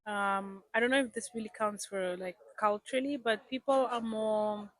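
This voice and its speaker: A young woman from South Africa, English her first language, speaks as an interview guest. Her talk is casual and hesitant, full of ums and restarts, at a middling pitch. The sound is dry with no room echo. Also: fairly even intonation, moderate pace, fairly bright tone.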